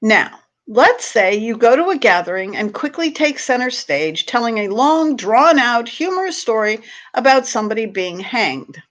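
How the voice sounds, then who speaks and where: On the high side and sing-song, her voice has a fairly bright tone and moves at normal speed. She is a library host reading a funny short piece aloud, hamming up the emphasis in a playful, theatrical way.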